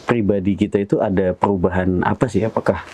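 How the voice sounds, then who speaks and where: A man's voice: low-pitched, steady tone, fast, warm tone, a little hiss or hum. A man hosting a podcast, playful and chatty, asking questions and affirming his guest. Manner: playful, affirming, laughs often. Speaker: podcast host. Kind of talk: casual chat. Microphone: podcast microphone.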